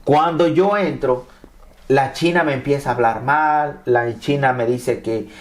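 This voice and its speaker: A man from Mexico who speaks Spanish as his first language, telling his immigration story in an animated testimony, often repeating and restarting his phrases. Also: medium pitch, a little slow. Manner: repeats and restarts phrases, acts out quoted dialogue.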